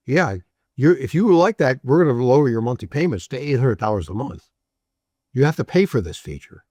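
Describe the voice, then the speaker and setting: A man voicing an eager, breezy male annuity salesman who answers with quick, upbeat yeses. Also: medium pitch, expressive, a little mellow, no room sound, natural voice. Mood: eager salesy.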